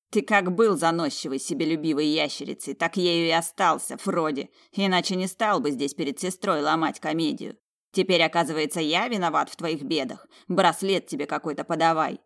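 A woman's voice: deep voice, normal speed. A woman reading an audiobook, voicing a battered, defiant young male mage who taunts and mocks his rival. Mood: mocking. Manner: mocking, taunting.

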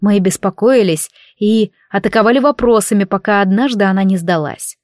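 A woman narrating a novel in the first person, in a lively storytelling manner. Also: medium pitch, normal speed, no echo, studio quality. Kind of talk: audiobook narration.

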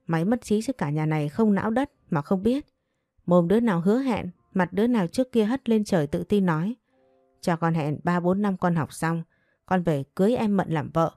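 A woman voicing a raging old village father in a story reading, low and dark, scolds and hurls insults, sounds out of breath. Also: dry recording, close to an everyday voice. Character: furious old village patriarch, short of breath.

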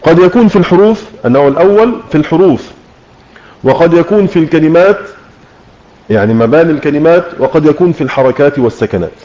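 A man with an Egyptian accent teaching a religious lesson, explaining with questions to his listeners and slowing down to demonstrate recitation. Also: fairly high pitch, animated, warm tone. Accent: Egyptian Arabic. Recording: muffled lo-fi online audio room.

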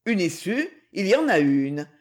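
A man's voice: high voice, very animated, unhurried. A man voicing a stern, commanding male leader who gives firm orders.

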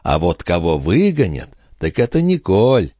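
A man voicing a calm, coldly composed young man in an audiobook. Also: sits low, unhurried, no room sound, clean studio sound, exaggerated voice. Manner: calm, cold. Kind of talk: audiobook character reading.

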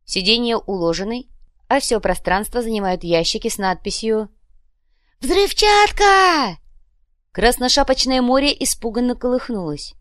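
A woman reading a story aloud in an even, steady narrating voice. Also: a little high, brisk, no echo, studio quality. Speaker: audiobook narrator. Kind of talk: scripted narration.

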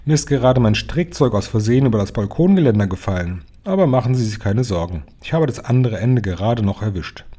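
A man putting on a calm old grandmother. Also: fairly low pitch, a little fast, few pauses. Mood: composed. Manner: calm, politely composed. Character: calm, gracious elderly grandmother.

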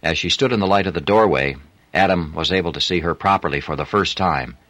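A man narrating a thriller audiobook in a measured, suspenseful way. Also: sits low, fairly bright tone, no echo. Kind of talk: scripted narration. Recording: dry close studio sound.

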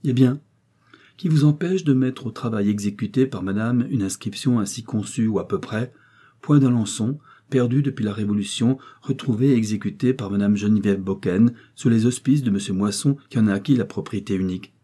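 A clever young society lady who smooths over a quarrel , as a male reader puts her on. She talks smoothly and persuasively, choosing her words with care. The voice sits low with a mellow, slightly husky tone. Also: fairly quick. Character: clever, gracious young married society woman.

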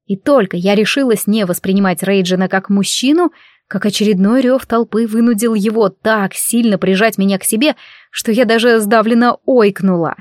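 A woman narrating a novel in the first person, with steady, engaged storytelling. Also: medium pitch, normal speed, no echo, studio quality. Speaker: audiobook narrator.

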